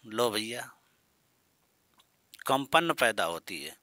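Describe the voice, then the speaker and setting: A male Hindi grammar teacher gives an online exam-prep lesson in a bright, forceful voice. He quizzes his students, repeats the key terms, and mixes in playful jokes and mock scolding. The sound is dry and close, with no room echo. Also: lowish voice, sing-song, drawn-out words. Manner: explains with questions, repeats key terms, calls students "बेटा", "बच्चों".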